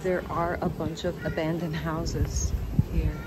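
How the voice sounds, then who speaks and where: Her voice sits low, flat and a little slow as this young travel vlogger casually narrates a walking tour in an upbeat, chatty, playful way. Wind and street sounds are loud in the clip, captured outdoors among town streets and stairs on a phone camera held on a selfie stick.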